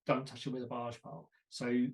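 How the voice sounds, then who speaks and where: A man hosting a podcast in relaxed, chatty conversation. He tells stories with self-deprecating asides and a mid-range voice. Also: medium pitch, brisk, creaky. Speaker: podcast host. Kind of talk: casual conversation.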